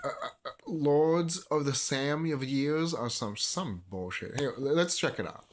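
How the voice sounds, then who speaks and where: A man who sounds drunk, rambling casually and swearing as he thinks out loud in reaction to videos. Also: on the high side, slow. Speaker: livestream host reacting to videos.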